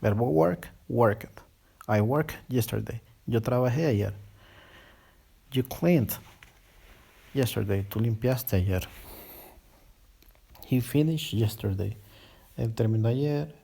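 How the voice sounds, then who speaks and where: A man teaching an English grammar lesson in Spanish, going slowly, repeating words and correcting himself as he explains. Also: medium pitch, creaky, mellow, slightly rough. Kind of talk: recorded classroom lesson.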